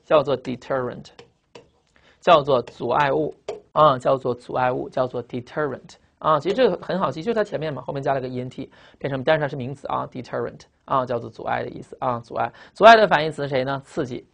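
A man teaching English vocabulary to exam students. He repeats each word and its meaning, tags lines with "ah", and keeps asking the class quick questions. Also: mid-range voice, gravelly, fairly bright tone.

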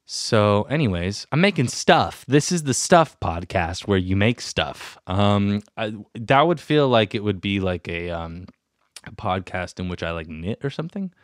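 A young man with a low voice hosts a solo podcast and rambles from thought to thought. He puts himself down and sounds restless. The recording is dry and close to the mic. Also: lively intonation, a little slow, dry recording. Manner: self-deprecating, rambling, restless. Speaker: podcast host. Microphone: studio mic with headphones.

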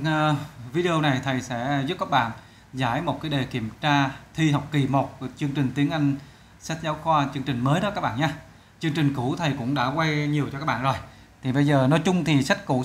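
A male teacher with a Vietnamese accent, walking through an English exam in a casual, chatty way, often stretching words slowly to show their stress. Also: on the high side, a little hiss or hum. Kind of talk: casual exam walkthrough lesson.

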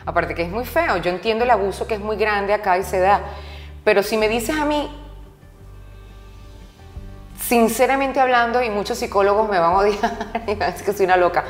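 A woman's voice: mid-range voice, quick pace. A woman guest talking candidly in an interview, stressing points by repeating her words. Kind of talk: candid conversational storytelling. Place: interview set. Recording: roomy reverberant room, faint music.

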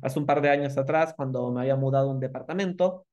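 A man with a Rioplatense Spanish accent teaching an online masterclass, animated and repeating questions with emphasis. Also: medium pitch, fast, dull audio.

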